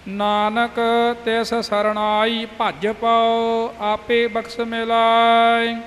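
A man reciting scripture in a slow, measured chant, syllable by syllable. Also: very high voice, completely flat delivery, fairly bright tone, big-room sound, a little hiss or hum.

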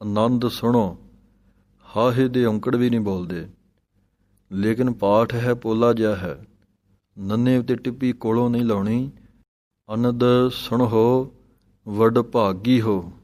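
A man teaching the correct pronunciation of scripture, chanting each verse slowly and then explaining the spelling and pauses in a plain spoken voice. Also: mid-range voice, fairly even intonation, mellow. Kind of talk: recitation lesson.

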